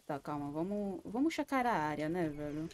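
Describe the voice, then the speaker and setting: Brazilian woman, gaming streamer, lowish voice, jumpy and cursing. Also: lively intonation, normal speed, darkish tone, a little hiss or hum. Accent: Brazilian Portuguese. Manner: jumpy and scared, swearing often, talking to herself. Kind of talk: live gaming commentary.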